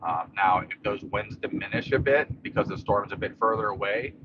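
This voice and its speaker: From inside his moving car in the rain, a local vlogger with a lowish voice offers live storm commentary at a normal speed. His talk is casual, rambling and matter-of-fact, captured in dull lo-fi audio under constant car and rain noise.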